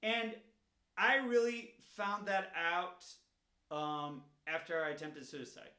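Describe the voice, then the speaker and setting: Earnest high-voiced man in echoey room. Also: expressive, slow, bright, forceful tone. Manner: earnest, repetitive pleading. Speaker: vlogger. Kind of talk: personal awareness message.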